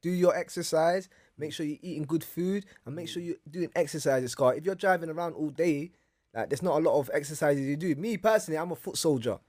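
Slangy young man, fairly high. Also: brisk, darkish tone, no echo, clean studio sound. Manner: slangy, often asks "you understand?". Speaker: guest, personal trainer. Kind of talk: casual chat.

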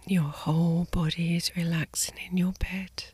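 Woman, soft soothing whisper, sleep meditation guide, lowish pitch, breathy, gentle short phrases. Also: level tone, normal speed, dry recording.

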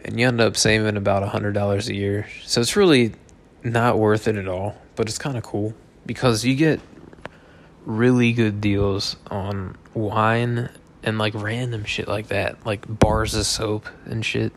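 A man's voice: fairly low pitch, fairly even intonation, measured pace, slight background noise. A man in his thirties, a little drunk, rambling through a loose, joking monologue full of swearing. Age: 30s. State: tipsy.

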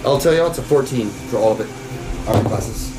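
A man's voice: mid-range voice, a little fast. A man acting as game master at a tabletop session, casual and salty-tongued, thinking aloud as he calls out rolls and results. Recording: echoey room with background music.

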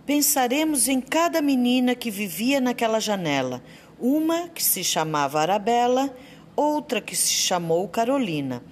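Slow, lively woman reading poems. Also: mid-range voice, a little hiss or hum. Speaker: school library assistant. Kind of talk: reading children's poems aloud.

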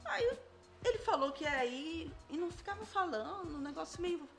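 Lively storytelling woman over music. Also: extremely high pitch, fairly quick, creaky. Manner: animated, laughs often, acts out what others said. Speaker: storyteller in a group conversation. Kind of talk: casual storytelling chat. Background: background music.

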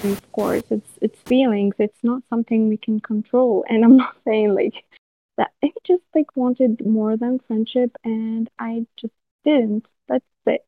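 A young woman talks slowly and hesitantly, filling her speech with "like" in a casual discussion. Her voice is somewhat high. The sound is tinny and dry, like a phone line. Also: steady tone, no room sound. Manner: hesitant, peppered with "like". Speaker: discussion participant.

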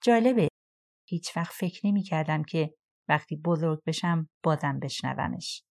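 A woman voicing a tender, ailing middle-aged mother in an audiobook, speaking softly and intimately. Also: sits low, lively intonation, vocal fry, dry recording, clean studio sound, full character voice.

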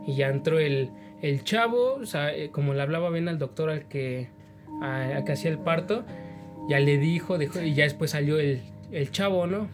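A Mexican man with a Mexican accent, telling what happened in a plain, halting way with fillers in an interview. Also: fairly high pitch. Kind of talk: personal testimony. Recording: music bed under voice.

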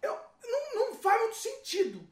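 A man's voice: very high-pitched, huge pitch swings, a little fast. A man with a Brazilian accent hosting a casual panel chat, talking emphatically and often addressing the audience. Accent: Brazilian Portuguese. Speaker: host. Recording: roomy echo.

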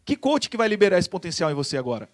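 A man with a high, quick voice speaks in an animated, preachy way. The sound is close and dry. He keeps turning to his listener with "cara". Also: no room sound, soft background music. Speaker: podcast host. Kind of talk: casual religious talk.

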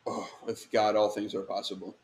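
A man's voice: lowish voice, level tone, moderate pace, a little mellow, echoey room, slight background noise. A young man hosting a casual podcast chat with friends late at night, teasing and laid-back, with the hiccups. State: has the hiccups. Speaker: podcast host.

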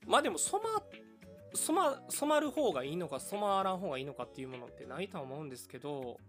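Man, Kansai accent, casual chat, teasing, lively pitch, quick. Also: soft background music. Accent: Kansai Japanese. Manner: animated, laughs often, teasing. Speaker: podcast co-host.

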